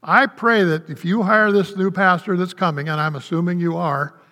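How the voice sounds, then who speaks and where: An older man preaching a sermon as a pastor, folksy and conversational, with quick asides to the congregation. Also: sits high, fairly even intonation, sharp tone. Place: church sanctuary. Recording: long reverb of a church hall.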